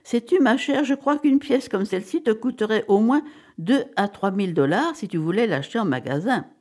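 A woman reading the part of a cheerful, self-satisfied middle-aged dentist who teases his wife, with a lively voice. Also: on the high side, a little fast, voice pushed up. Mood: smug.

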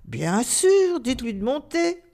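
A woman voicing a busy grown male squirrel in a storybook, talking briskly and scolding. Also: sits high, big pitch swings, dark tone, heavily acted.

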